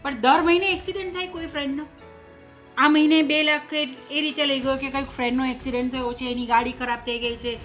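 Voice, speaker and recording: Playing a stern middle-aged mother in a family drama short, an actress confronts her daughter-in-law about the son's missing money. Her fairly high, brisk voice feels close to everyday speech as she insistently accuses and lists sums and grievances, with soft music in the background.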